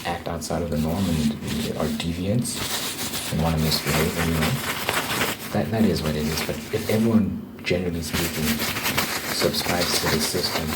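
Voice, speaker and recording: A man's voice: low voice, steady tone, moderate pace. A man giving casual, opinionated relationship advice in a rambling monologue, repeating phrases for emphasis. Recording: clear background noise.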